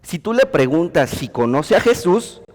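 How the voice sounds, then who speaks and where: Male pastor, fairly high voice, sermon in an echoing hall, storyteller who acts out dialogue. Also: very animated, normal speed, a little mellow.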